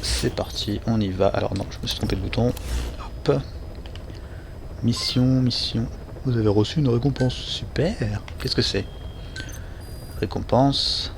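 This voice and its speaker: Chatty self-mocking gaming host. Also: male voice, mid-range voice, a little slow, creaky, long pauses, a little hiss or hum. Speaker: let's play host. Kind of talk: gameplay commentary.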